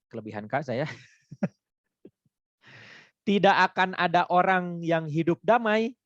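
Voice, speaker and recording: A man giving a relaxed online lecture, chatty and laughing often. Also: fairly high pitch, no echo, dull audio. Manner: chatty, laughs often, switches into Sundanese words.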